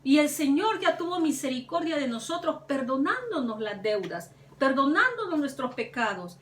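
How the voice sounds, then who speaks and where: A woman's voice: sits high, very animated, moderate pace, slight background noise. A woman preaching a sermon with fervor, her voice climbing on the words she stresses. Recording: echoey room, mic at a distance.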